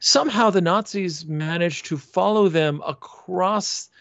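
A man's voice: sits high, measured pace, vocal fry, a bit bright, no echo, lo-fi sound. A man in casual podcast chat, rambling with frequent restarts and fillers. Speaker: podcast co-host.

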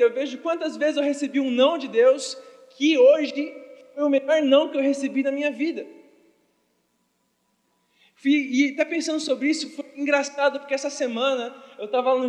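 A young man preaches to a youth crowd in a loose, slangy, conversational way, often asking the room questions. His voice sits very high for a man. The mic picks him up in a church hall with a long reverb tail. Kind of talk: casual youth sermon. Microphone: handheld or stand mic.

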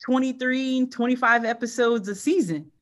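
A woman's voice: fairly high pitch, moderate pace. A woman co-hosting a podcast, chatting casually and laughing often. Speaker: podcast co-host. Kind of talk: casual chat.

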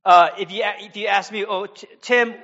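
A high-pitched man delivers an expository sermon in an American accent, moving from careful explanation into relaxed, chatty asides. The recording is muffled and lo-fi. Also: moderate pace. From United States. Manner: expository preaching, conversational asides. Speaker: pastor.

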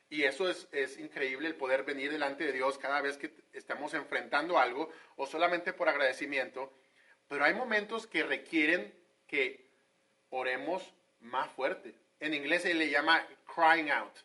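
A male preacher gives a chatty, conversational sermon. His voice sits a little high and sounds bright and forceful, and he often hesitates mid-thought before pressing on. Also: moderate pace. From Monterrey, Mexico.

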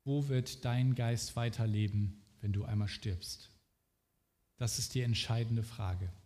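A man's voice: medium pitch, fairly even intonation, a little slow, mellow, big-room sound. A man preaching a sermon in an earnest way, speaking directly to the listener.

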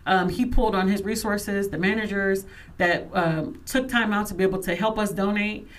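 An energetic woman hosts a casual talk show from her studio. She talks with emphasis and drive, and she sounds a little forceful even when she is thanking people. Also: mid-range voice, normal speed. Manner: emphatic and animated, says she sounds aggressive. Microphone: studio microphone.

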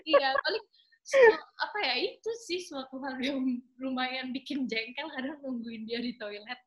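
A woman from Indonesia chatting casually as a podcast guest, animated and quick to laugh, dropping in English words. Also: high-pitched, lo-fi sound. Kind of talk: casual chat.

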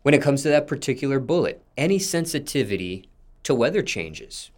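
Interview host, man with a mid-pitched voice, measured and methodical with his questions. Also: sing-song, a little mellow.

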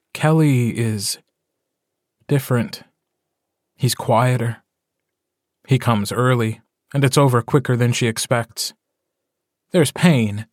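A man narrating a short story as an audiobook, in a calm, measured storytelling voice. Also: medium pitch, no echo, clean studio sound.

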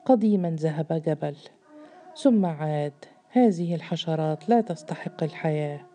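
A woman's voice: low-pitched, normal speed, mellow, a little hiss or hum, natural voice. A woman voicing a menacing, scornful man in a storybook reading, with a sneering, mocking delivery.

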